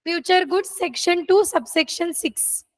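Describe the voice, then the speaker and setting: High-voiced woman teacher dictating notes. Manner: dictates slowly, checks on students. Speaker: law teacher. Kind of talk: classroom dictation. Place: classroom.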